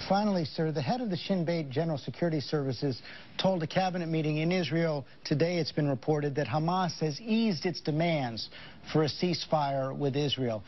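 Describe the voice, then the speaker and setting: A man's voice: a little high, moderate pace, a little hiss or hum. A man working as a news interviewer, putting formal, probing questions. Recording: dull lo-fi audio.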